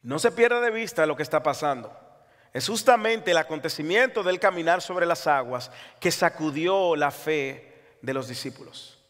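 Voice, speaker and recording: A man's voice: on the high side, a bit bright, in a large hall. A man preaching an impassioned sermon as pastor, reading scripture aloud. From Latin America.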